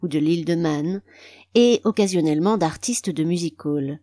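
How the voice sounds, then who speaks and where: Female audiobook narrator, lowish voice, calm measured literary reading.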